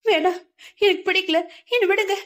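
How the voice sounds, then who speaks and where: A woman's voice: extremely high pitch, a little fast, a bit bright, voice pushed up. A woman voicing a terrified young woman who pleads and sobs through a nightmare in an audiobook. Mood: terrified pleading. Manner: pleading, sobbing, frantic.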